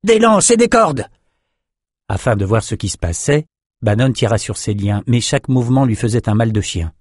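A man reads a fantasy novel aloud in a steady, measured way. His voice sits low for a man. The sound is dry and close, with no room around it. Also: no echo. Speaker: audiobook narrator. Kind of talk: scripted narration.

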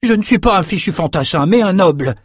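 A man's voice: sits high, animated, a little fast, breathy edge, no echo, clean studio sound, pitched above the performer's own voice. A man doing a whiny young noble. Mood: bitter. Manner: bitter, complaining. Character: whiny, angry young male noble prisoner. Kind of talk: audiobook character reading.

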